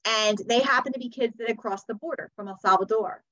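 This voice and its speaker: A woman's voice: a little high, fast talker, bright, forceful tone. An American woman in her forties telling her story conversationally as a podcast guest, on slightly dull audio. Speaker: podcast guest, teacher and author.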